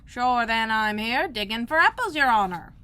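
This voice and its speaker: Lady doing a shy workman, slow and humble, kinda high voice. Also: animated, bright, forceful tone, clear, resonant tone. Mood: timid. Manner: slow, deferential, says "your honor". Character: timid male Irish laborer Pat.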